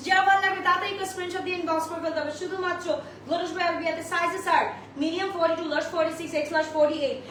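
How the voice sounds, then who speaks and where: On a live stream, a young Bangladeshi woman sells clothes, chatting with viewers, slipping into English and reeling off sizes in a sing-song list. Her voice is very high, steady, fairly bright, and rapid-fire. The room echoes slightly and carries faint noise.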